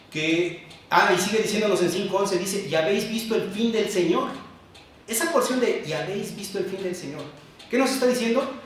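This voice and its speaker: A male pastor preaching a sermon, emphatic, with sudden drops to a low hush. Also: slight background noise. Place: church sanctuary. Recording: very echoey church hall, mic far off.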